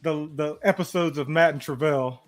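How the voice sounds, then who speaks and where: A man's voice: a little high, normal speed. A man co-hosting a podcast in casual chat, laid-back and joking, often teasing himself. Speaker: podcast co-host.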